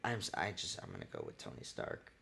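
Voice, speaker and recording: A man's voice: rumbling low, wildly swooping pitch, quick pace, vocal fry, sharp tone, slight background noise. A man hosting a casual podcast, talking loosely and joking, swearing now and then. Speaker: podcast host.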